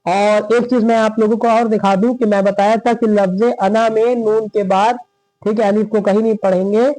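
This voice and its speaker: A man teaching Quran reading in a slow step-by-step lesson, drawing out each word as he demonstrates it and checking in often with his listeners. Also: high voice, flat delivery, mellow, poor audio. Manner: drawn-out demonstration of words, frequent checking "theek hai".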